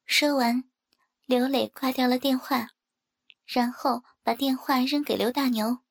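A woman narrating a first-person story in a soft, even reading manner. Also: high voice, unhurried. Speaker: audiobook narrator.

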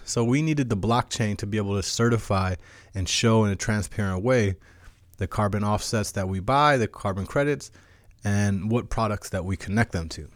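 Low-voiced man, crypto bro host, dry sound. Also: dry recording. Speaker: host of a weekly crypto show. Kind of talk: explanatory monologue on crypto business.

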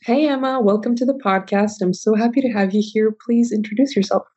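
A woman's voice: medium pitch, brisk, dark tone, slightly rough, highs cut off. A woman hosting a podcast interview, encouraging her guest with frequent murmured agreement. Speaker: podcast host.

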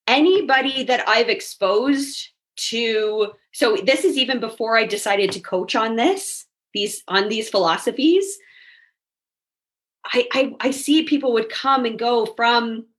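A woman coach talking casually in an interview, animated, acting out quotes with big jumps in her voice and leaning on "like" and "right?". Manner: animated, acts out quotes in a jumping high voice, frequent "like" and "right?". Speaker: life coach and network marketer.

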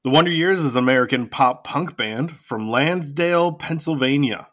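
A man's voice: medium pitch, moderate pace, fairly bright tone. A man hosting a podcast in casual chat with a friend, easygoing, joking and laughing often. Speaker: podcast host.

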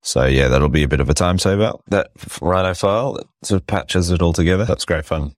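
A man chatting casually on a podcast, reflective, with a husky, sick voice that is giving out. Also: low-pitched, brisk, no room sound, studio quality. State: sick, voice giving out after losing it. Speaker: podcast host. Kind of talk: casual chat.

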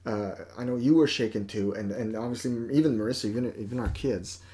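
A man's voice: medium pitch, quick pace, warm tone. A man co-hosting a faith talk with his spouse, speaking with affirming, preacherly emphasis. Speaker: co-host and spouse.

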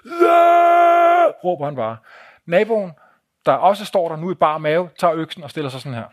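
A man's voice: fairly high pitch, expressive, highs cut off. A man telling a travel story to an audience in a live talk, vivid and blunt, with swearing and pointing out photos.

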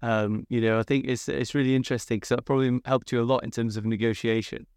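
A man hosting a podcast in a relaxed, friendly way, with lots of "um" and "uh". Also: mid-range voice, fast, clear, resonant tone, dry recording, clean studio sound. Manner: relaxed, filler-heavy, friendly. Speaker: podcast host, co-founder. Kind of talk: casual interview chat.

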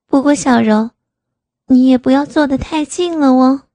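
A woman playing a teasing young female friend in an audio story, light and playful in tone. Her voice sits somewhat high and warm, recorded close and dry over faint music. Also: moderate pace, no echo, close to an everyday voice.

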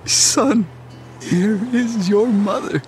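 Jesus in a high anguished voice. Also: male voice, a little mellow. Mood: tender. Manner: slow, anguished, solemn. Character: Jesus, dying man on the cross, suffering. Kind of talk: radio drama acting. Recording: music underneath.

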